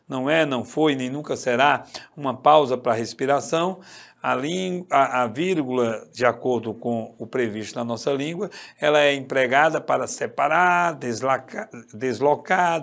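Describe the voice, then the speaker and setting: A man's voice: on the high side, vocal fry. A man teaching an online exam-prep Portuguese class, emphatic and repetitive, often checking in with his students. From Brazil. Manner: emphatic, repeats key points, asks "tá certo?".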